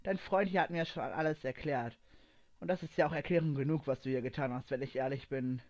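A man voicing a calm, soft-spoken young male soldier in a story reading. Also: mid-range voice, a little fast, natural voice. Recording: dull lo-fi recording.

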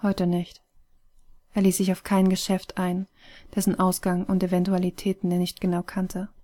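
A woman narrating an audiobook story in a soft, hushed, breathy manner. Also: on the low side, monotone, moderate pace.

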